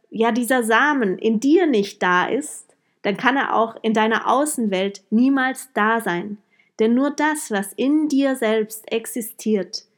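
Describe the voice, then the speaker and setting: Woman, podcast host, motivational monologue, earnest, fairly high voice, frequent questioning "ja?". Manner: earnest, tags sentences with a questioning "ja?"; retells a coaching talk with a client. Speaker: podcast host and life coach.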